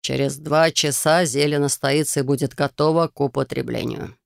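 Reader plays a calm, wary male mentor-mage, low gravelly tone, dry close sound. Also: moderate pace, no room sound. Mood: approving. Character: kind male magister mentor, gentle and wary.

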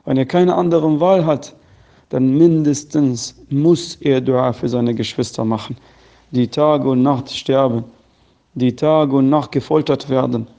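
Man preacher, recorded voice message, gravelly, mellow, urgent and earnest. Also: medium pitch, steady tone, measured pace, muffled recording. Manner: earnest, urgent exhortation to the faithful. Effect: leaving a recorded voice message. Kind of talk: spoken voice message sermon.

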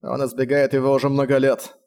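A man doing a sullen, flat-voiced young man. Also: mid-range voice, brisk, clean tone, lightly acted. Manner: flat, expressionless, curt.

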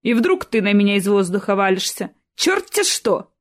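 A woman voicing a handsome man of about thirty with a dry, ironic and unhurried manner, in an audiobook. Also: medium pitch, big pitch swings, close to an everyday voice. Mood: musing.

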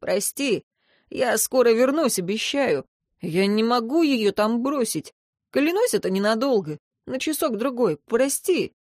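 A woman voicing a young man who is a caring best friend, speaking softly and reassuringly. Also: a little high, animated, unhurried, no room sound, studio quality. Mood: apologetic. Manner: hushed, then soft and reassuring.

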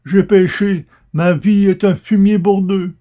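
A man voicing an anguished, repentant king who cries out high and loud, in a recited poem. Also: steady tone, unhurried.

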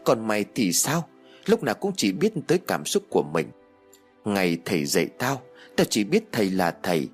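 A man voicing a proud young woman pleading with her friend in an audio story, with a husky tone. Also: on the low side, very animated, moderate pace, faint music behind. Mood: tearful pleading.

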